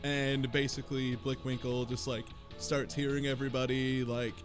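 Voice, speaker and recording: A podcast co-host with a mid-range voice and normal pace casually recaps a game, swearing freely and acting out quotes in an animated, mocking way. Music plays faintly behind him.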